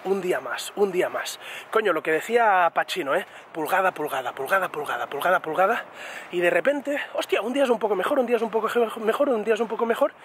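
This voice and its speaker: High-pitched man vlogging outdoors. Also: a little hiss or hum. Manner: animated, swearing, motivational rambling. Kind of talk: casual vlog monologue while out running. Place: outdoors by the sea at night. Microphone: camera held in hand while on the move.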